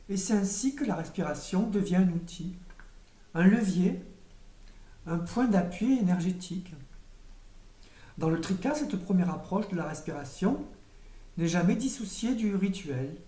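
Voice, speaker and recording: A woman giving a spiritual teaching in a calm, measured, meditative way, with occasional hesitations. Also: fairly low pitch. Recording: roomy echo, voice from a distance.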